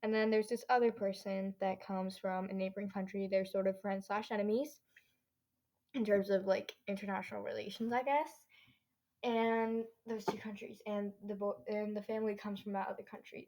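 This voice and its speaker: A woman's voice: mid-range voice, level tone, moderate pace, a little mellow. A teenage girl hosting her own podcast, chatting casually and rambling, full of fillers and lost trains of thought. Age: teens. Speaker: podcast host. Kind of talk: casual solo podcast chat.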